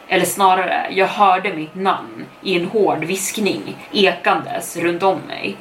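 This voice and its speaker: A woman telling a first-person horror story as a podcast storyteller, in a measured, suspenseful reading. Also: lowish voice, fairly bright tone. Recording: echoey room, distant mic, faint noise.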